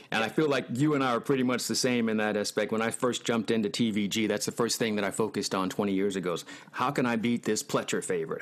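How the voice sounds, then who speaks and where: A man hosting a racing podcast, introducing a guest and steering the talk with upbeat energy. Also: medium pitch. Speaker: podcast host.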